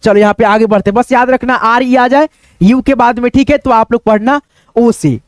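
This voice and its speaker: This spoken English lesson comes from a man with a very high-pitched, clear, resonant voice, speaking at a moderate pace with no echo. Covering pronunciation rules, he repeatedly quizzes and answers himself, repeats phrases often, and speaks to viewers as friends.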